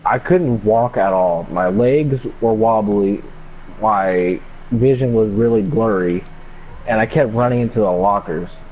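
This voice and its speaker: At a measured pace and in a lowish voice, a young American man casually rambles through a story for his friend, sweary and slangy. The recording is lo-fi and dull, with faint noise in the background.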